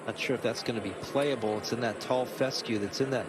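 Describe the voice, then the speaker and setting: A man's voice: mid-range voice, fairly even intonation, fairly quick. A man giving live golf commentary as a commentator outdoors on the course. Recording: loud outdoor course noise.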